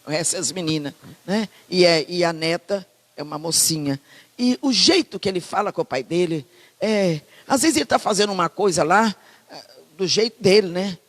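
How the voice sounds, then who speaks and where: A woman pastor with a Brazilian Portuguese accent, preaching a sermon in a lively, conversational way with many asides. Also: lowish voice, moderate pace, big-room sound. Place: church hall.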